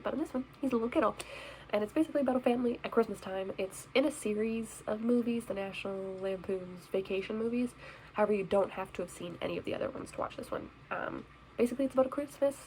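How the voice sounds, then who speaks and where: A young woman talks casually and brightly to her viewers, full of filler words and quick asides. Her voice sits at an ordinary middle pitch. A faint hum of noise sits under the recording. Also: rough recording. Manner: chatty, bubbly, self-deprecating. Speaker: vlogger. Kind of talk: casual chat reviewing movies. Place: indoors in front of a Christmas tree.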